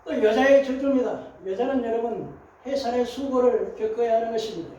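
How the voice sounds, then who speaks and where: A man's voice: extremely high pitch, a little fast, muffled recording. Older man preaching in an echoey church. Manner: animated preaching with acted quotes, shifting loud and soft. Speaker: pastor. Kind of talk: sermon. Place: large church sanctuary. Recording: roomy echo, voice from far off.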